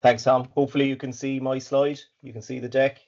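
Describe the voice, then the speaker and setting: A guest speaker from Ireland, a supply chain consultant, gives a webinar presentation over dull, lo-fi video call audio. His raspy, mid-range voice is a little mellow and slightly congested from hay fever, and he talks a little fast in a flat way. He still comes across as upbeat and fluent, with some filler words and repeats.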